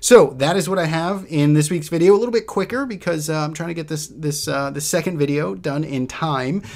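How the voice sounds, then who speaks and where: A man's voice: a little high, brisk, creaky, darkish tone. Casual Boston man walking through charts. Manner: casual, loose, thinks aloud with frequent restarts. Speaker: host presenting stock trade ideas. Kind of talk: chart walkthrough commentary.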